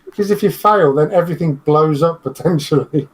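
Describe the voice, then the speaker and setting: A man's voice: fairly high pitch, fairly quick, husky, low-quality recording. A man chatting casually as a player in a tabletop role-playing game. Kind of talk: casual chat.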